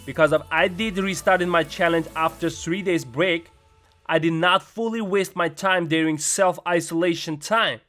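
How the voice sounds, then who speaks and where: A man's voice: fairly high pitch, a bit bright. A young man with a non-native English accent, speaking earnestly and encouragingly to viewers as a fitness vlogger. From Uyghur region. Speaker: vlogger recapping a fitness challenge. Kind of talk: vlog monologue to viewers. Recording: music behind the voice.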